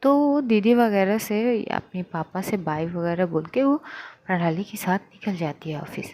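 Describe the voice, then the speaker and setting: A woman's voice: medium pitch, unhurried, warm tone. A woman retelling a romance story in a loose, conversational way, with casual fillers.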